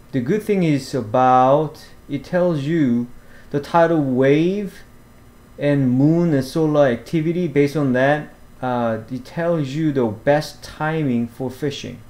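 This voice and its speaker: Guy slowly talking through a fishing app on screen, lots of uhs and ums, mid pitch. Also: darkish tone. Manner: halting, many fillers and restarts. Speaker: fishing vlogger. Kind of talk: screen-share app walkthrough. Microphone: voice-over to screen recording.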